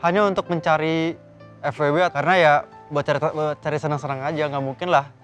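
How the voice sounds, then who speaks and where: A man's voice: on the high side, fairly even intonation, a little fast, fairly bright tone, soft background music. A twenty-two-year-old male student giving blunt, opinionated views in casual talk. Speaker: panel guest, university student. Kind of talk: casual discussion.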